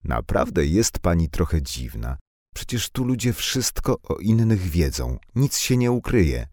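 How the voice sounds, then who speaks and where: A man's voice: sits low, very animated, measured pace, a little mellow, dry recording, clean studio sound, exaggerated voice. A man voicing a talkative, blunt young village woman with slangy, impulsive speech. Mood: chatty.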